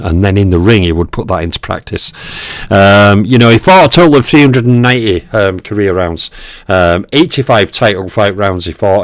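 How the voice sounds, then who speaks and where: A fairly low-pitched male voice, recorded without echo, belongs to a boxing history channel host from Western Europe. Saying hi to viewers in live chat, he casually narrates a fighter's record, leaning on lots of okays and ums.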